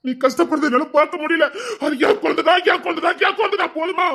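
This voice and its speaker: A woman's voice: on the high side, expressive, moderate pace, slight background noise. A woman with a Tirunelveli Tamil accent playing an anxious husband who pleads and repeats himself over and over. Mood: pleading.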